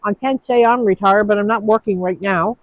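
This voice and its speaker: A woman's voice: mid-range voice, fairly quick, dry recording, highs cut off. Chatty Newfoundland woman vlogging outdoors. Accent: Newfoundland English. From Newfoundland, Canada. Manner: rambling, chatty, hesitant with many uhs. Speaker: vlogger answering viewer questions. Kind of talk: casual chat. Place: outdoors, with snow falling. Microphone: phone.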